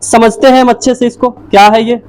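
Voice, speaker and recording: A woman's voice: a little high, level tone, fairly quick, a little mellow. A woman teacher giving a lecture, asking her own questions and answering them, and repeating each key point. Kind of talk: classroom-style lecture.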